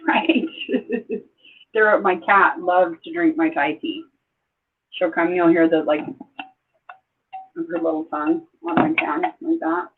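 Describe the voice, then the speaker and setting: An older woman from Southeast Idaho, USA, hosts a casual livestream, chatty and easily excited, full of exclamations and rambling asides. Her voice is on the low side and sounds thin and tinny, like it was picked up by a phone or webcam, with a little hiss or hum.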